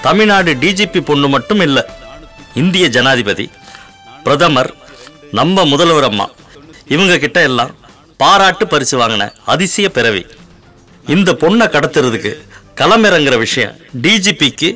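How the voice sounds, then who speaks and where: A plotting criminal briefing his gang in a conspiratorial tone. The voice sits somewhat high, with a bright edge and a lively swing. Faint music plays under it. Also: unhurried, pauses often, full character voice. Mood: scheming. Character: scheming male criminal plotting a kidnapping. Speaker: kidnapping plotter.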